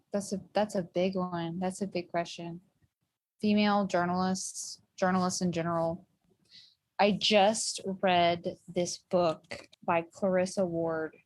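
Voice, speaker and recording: Appearing as a podcast guest, a woman in her thirties who is a communications director chats casually, filling her sentences with "like" and "you know." She has a lowish voice, captured in a dry recording.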